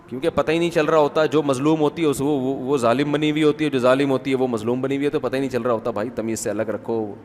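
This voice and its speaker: A man's voice: medium pitch, steady tone, hardly any pauses, darkish tone, in a large hall. A middle-aged man giving family advice in an informal, teasing talk, often acting out the people he describes. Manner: conversational, teasing, acts out quoted voices.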